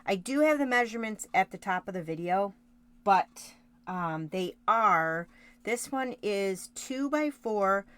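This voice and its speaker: A woman's voice: mid-range voice, lively intonation, measured pace, fairly bright tone, clear, resonant tone, no echo. A woman hosting a card-making tutorial, chatting casually with live viewers while she works, with rambling asides and self-corrections. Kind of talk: casual craft demonstration.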